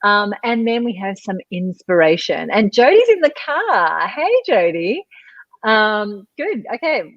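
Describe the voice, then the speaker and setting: A woman's voice: mid-range voice, sing-song, measured pace, no room sound, dull audio. A woman hosting a live online chat show, chatty, reading out viewer messages and laughing often. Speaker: host. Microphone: video call.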